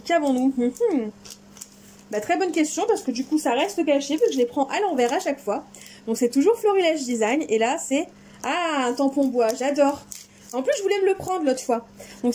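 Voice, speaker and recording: With slight background noise, a woman crafting vlogger unpacks supplies in a high, warm voice. She chats easily and excitedly, exclaiming again and again.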